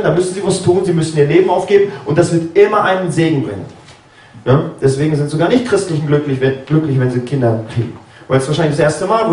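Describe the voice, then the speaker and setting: Man, sermon, chatty, fairly high voice, echoey room. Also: a little mellow, distant mic. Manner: conversational, keeps asking "ja?" and "ne?"; acts out biblical dialogue with sudden pitch jumps. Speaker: preacher. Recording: roomy, from off-mic.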